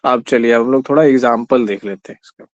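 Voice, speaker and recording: A man's voice: mid-range voice, brisk, no echo. Man teaching an online class, dry and dull sound. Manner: explains step by step, quizzes students, often says "theek hai"; mixes English terms into Hindi explanations. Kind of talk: online exam-prep class lecture. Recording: slightly dull lo-fi recording.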